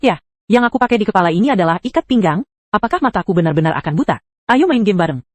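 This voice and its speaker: A woman's voice: mid-range voice, expressive, racing, a little mellow, no room sound. A synthetic text-to-speech female voice narrating an anime recap, reading every character's lines in the same voice.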